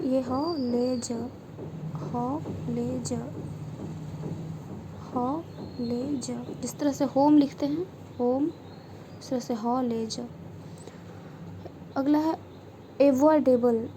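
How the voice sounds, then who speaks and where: High-voiced woman teaching shorthand real slow, says each word twice or thrice. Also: background noise. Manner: slow, repeats each word while demonstrating. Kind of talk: instructional lesson.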